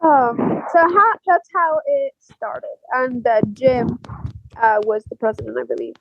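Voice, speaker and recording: A woman's voice: sits high, lively intonation, a little slow, creaky, lo-fi sound. Hesitant young woman from Algeria. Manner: hesitant, many fillers and soft laughs. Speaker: podcast guest. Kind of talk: casual interview chat.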